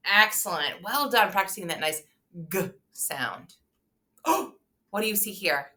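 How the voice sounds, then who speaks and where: A woman's voice: medium pitch, animated, sharp tone. A woman with an encouraging kindergarten teacher voice, leading a phonics lesson and putting questions straight to young children in an exaggerated way. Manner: talks directly to the child listener, posing questions with pauses. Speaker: early reading teacher.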